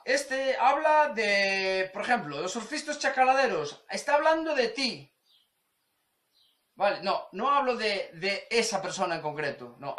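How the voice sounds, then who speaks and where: High, bright-voiced man. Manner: rambling, repetitive, acts out quoted voices. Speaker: surf channel host. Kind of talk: casual vlog monologue. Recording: echoey room.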